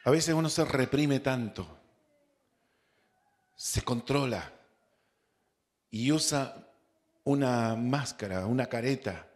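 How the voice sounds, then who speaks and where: Slow, deliberate Chilean pastor. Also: male voice, medium pitch, animated. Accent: Chilean Spanish. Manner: slow, drawn-out preaching with rhetorical questions and repetition. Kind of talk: sermon, Bible study.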